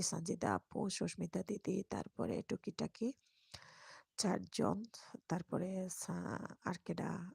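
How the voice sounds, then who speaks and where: A woman hosting a casual live stream, speaking very softly and at times whispering as she reads and answers viewer comments. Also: mid-range voice, creaky, breathy edge, no echo, studio quality. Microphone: microphone.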